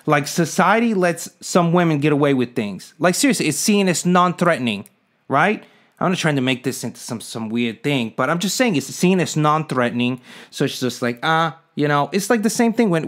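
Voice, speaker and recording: A man speaks casually to the camera in a somewhat high voice. He rambles, sounds indignant and keeps asking his viewers to weigh in. He drops in jokey asides and little chuckles as he goes. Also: animated, moderate pace. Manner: indignant, rhetorical, asks the viewers for their opinion. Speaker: vlogger.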